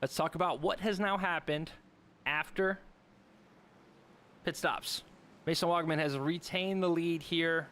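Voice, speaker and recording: A young man calling a sim racing broadcast, excitable and quick to laugh during close battles. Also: fairly high pitch. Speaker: race commentator.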